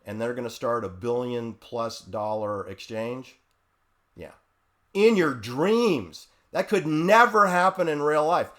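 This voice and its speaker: Rambling emphatic man lecturing. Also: mid-range voice. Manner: rambling, emphatic, repeats himself; sarcastic asides. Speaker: commentator. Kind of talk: conspiracy-minded monologue.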